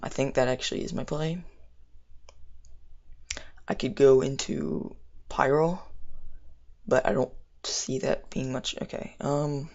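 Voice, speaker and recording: A young gamer with a creaky, medium-pitched, darkish voice narrates his own battle as live commentary, rambling, thinking aloud and using slang. An orthodontic appliance in his mouth slightly impedes his speech, and the audio is lo-fi.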